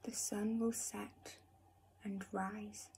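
A young woman performing spoken-word slam poetry in a breathy, husky voice, measured and deliberate, with pauses. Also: mid-range voice, level tone, a little mellow, a little hiss or hum. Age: young adult. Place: indoors, small domestic room.

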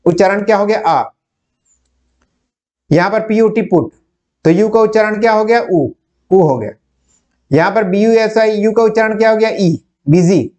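A North Indian man with a fairly high voice gives a Hindi lesson. He explains each point slowly and step by step, asking a question and then answering it himself. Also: darkish tone, dull audio. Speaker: Hindi teacher. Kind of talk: whiteboard lecture.

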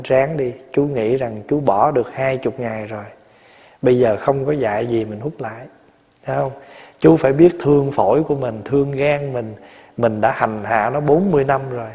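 A man in his forties with a Southern Vietnamese accent giving a dharma talk in a temple hall, telling stories in a lively way and often laughing. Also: mid-range voice. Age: 40s. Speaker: Buddhist monk and abbot. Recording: long hall reverb.

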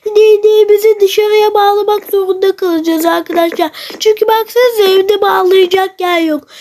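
Very high-voiced, excitable game YouTuber. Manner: talks straight to the viewers, bursts into shouts and wails. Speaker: Minecraft role-play YouTuber. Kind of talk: excitable game role-play narration.

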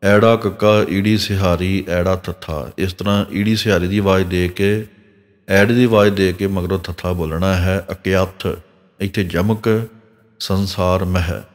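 Low-voiced guy slowly going over how to pronounce scripture lines, long hall echo. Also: fairly even intonation. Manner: measured, breaks verses phrase by phrase, names each pause. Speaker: Gurbani pronunciation teacher. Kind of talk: scripture pronunciation lesson.

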